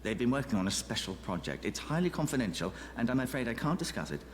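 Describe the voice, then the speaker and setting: Polite, secretive male go-between actor, game role. Formal, animated melody, mid pitch, slight noise. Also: fast, lightly acted. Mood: courteous, secretive. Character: courteous, secretive male go-between, gravely important.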